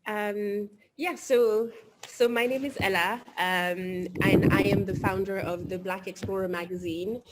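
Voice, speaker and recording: A woman born in Togo introducing herself on an online panel, earnest with "um" fillers and pauses, over a video call. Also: medium pitch, fairly even intonation. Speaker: magazine founder. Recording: faint background noise.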